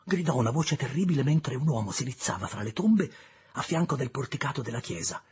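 A man narrating an audiobook in a measured, deliberate reading style, with a husky voice. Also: medium pitch, expressive, darkish tone. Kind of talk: scripted literary narration.

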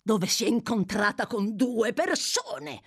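A woman's voice: fairly high pitch, animated, takes it slowly, vocal fry, fairly bright tone, breathy edge, heavily acted. A woman voicing a frantic old man who screeches his demands in a storybook reading. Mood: insistent. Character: frantic old male fence, raging.

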